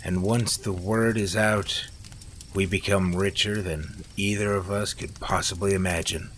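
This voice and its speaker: A man's voice: low voice, fairly even intonation, a little slow, a bit bright, a little hiss or hum. A man voicing a ruthless, greedy ringleader who talks in a cold, calculating way. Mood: scheming.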